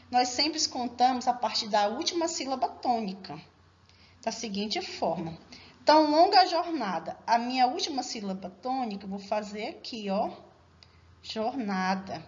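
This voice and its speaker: A woman's voice: fairly high pitch, highs cut off. A woman teacher giving a recorded class, explaining step by step and regularly checking that her students are following. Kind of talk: recorded remote class lesson.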